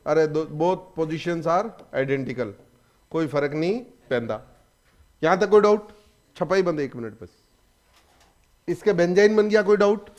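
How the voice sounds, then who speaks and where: Male chemistry teacher, high voice, brisk and quizzing. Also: highs cut off. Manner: lively, prods students with quick questions. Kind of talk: classroom lecture.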